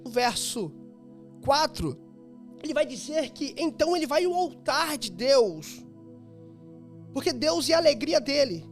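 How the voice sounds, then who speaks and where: A man delivers a sermon in a notably high voice, repeating his phrases for emphasis. At times he sinks into a soft, hushed tone. Faint music plays behind him. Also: very animated, unhurried, long pauses. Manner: repetitive, emphatic preaching with soft hushed stretches. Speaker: preacher.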